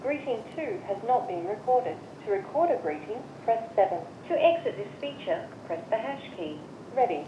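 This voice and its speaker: A woman's recorded voice reading voicemail system menu prompts in measured, evenly spaced instructions, heard through a phone speaker. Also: a little high, sing-song. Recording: muffled, echoey phone speaker with hiss.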